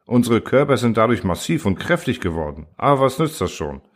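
A man voicing a huge, gentle old male alien in a storybook reading, speaking slowly and sorrowfully. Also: medium pitch, very animated. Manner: sad, slow and brooding. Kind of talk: audiobook character voice.

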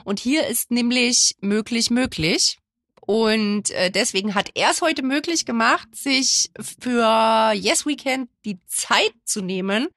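A woman's voice: medium pitch, fairly bright tone, no echo. A woman hosts an interview in a chatty, gushing way. Her mid-range voice rambles along in a giggly manner, recorded dry. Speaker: podcast host.

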